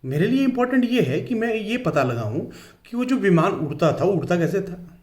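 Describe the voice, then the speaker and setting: A man's voice: sits high, very animated, a little mellow. Hindi-speaking man teaching physics, echoey room. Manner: explains slowly, stresses each pronunciation in English. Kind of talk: classroom lecture.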